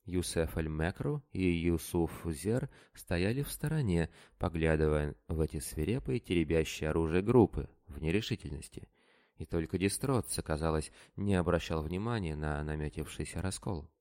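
A man narrating an adventure audiobook in a steady, dramatic storytelling manner. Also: low-pitched.

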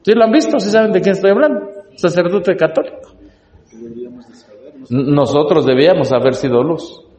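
A man's voice: on the high side, normal speed, pauses often, mellow. A man lecturing a live church audience on church history, urging and talking straight to his listeners. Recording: echoey hall with long reverb.

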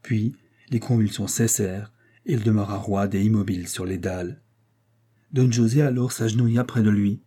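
A man narrating a classic novel in a measured, dramatic storytelling manner. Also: on the low side, fairly even intonation, dark tone. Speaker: audiobook narrator. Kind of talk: literary audiobook narration.

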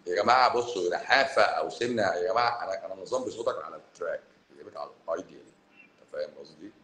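A man with a Cairene Egyptian accent, a doctor hosting a live stream, talking casually to viewers. He is animated, scolding and joking with them. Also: deep voice, rapid-fire. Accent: Cairene Egyptian Arabic. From Egypt, Cairo. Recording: roomy echo, faint background noise.

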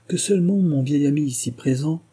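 A man reading an audiobook and voicing an old male gentleman who speaks deliberately and formally. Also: fairly high pitch, husky, pitched above the performer's own voice. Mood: grave.

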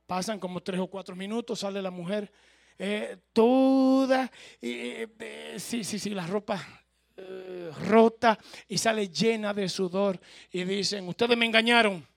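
A man's voice: high-pitched, steady tone, slow, creaky, a little mellow, dry recording, clean studio sound. A male pastor preaching in a church, telling a humorous story and speaking directly to the congregation.

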